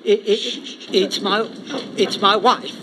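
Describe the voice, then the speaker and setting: A man's voice: high-pitched, fairly even intonation, drawn-out words, heavy background noise. A man playing a timid, stammering widower in a radio comedy. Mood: nervous. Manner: stammering, hesitant.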